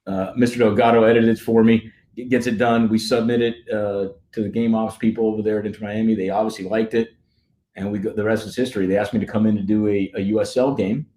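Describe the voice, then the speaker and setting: A man's voice: lowish voice, little pitch movement, fast talker, dark tone. A man, a stadium announcer, telling stories with enthusiasm and frequent laughs in a casual interview. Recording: roomy echo.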